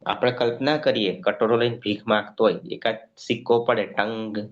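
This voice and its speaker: A man preaching a sermon, retelling scripture stories with animated voice play and often checking with the congregation whether they follow. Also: medium pitch, a little fast. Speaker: pastor. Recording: dull lo-fi sound.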